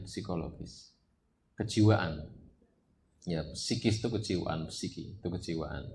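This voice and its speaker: A man's voice: sits low, noisy background. A man preaching a religious study lecture, asking rhetorical questions and rising to emphatic peaks. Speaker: Islamic preacher. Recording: roomy echo, faint ambience.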